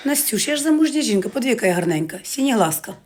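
Fast-chatting woman vlogger. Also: fairly high pitch, very animated, darkish tone. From Ukraine. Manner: chatty, joking, addresses viewers as girls. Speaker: market vlogger. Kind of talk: casual live chat to viewers.

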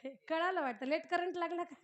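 High-voiced woman preaching a kirtan. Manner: slow drawn-out chanting of verses between brisk spoken storytelling; rhetorical questions and homely humour. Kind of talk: devotional kirtan sermon with sung verses.

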